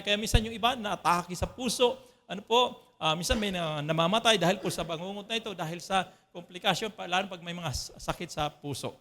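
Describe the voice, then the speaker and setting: Bright high-voiced man preaching. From Philippines. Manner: conversational preaching with frequent "ano po" checks to the congregation. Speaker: pastor. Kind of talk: sermon. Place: church.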